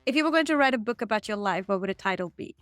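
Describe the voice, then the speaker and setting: A woman hosting a podcast, reading set interview questions in a steady, bright tone. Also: medium pitch, very fast, no echo, soft background music. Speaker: podcast host. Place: Stockholm.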